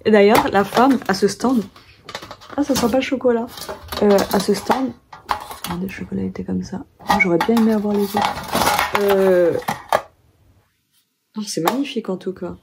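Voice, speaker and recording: A woman's voice: medium pitch, normal speed, creaky, long pauses, heavy background noise. A young French woman chatting casually in a haul vlog, telling stories with many fillers and restarts. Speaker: vlogger.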